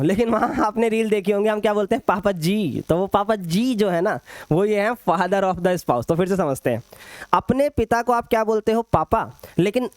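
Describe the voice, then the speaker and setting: A man's voice: sits high, no room sound. A young man teaching an online exam-prep maths lesson, calling students "beta", repeating points and adding playful asides.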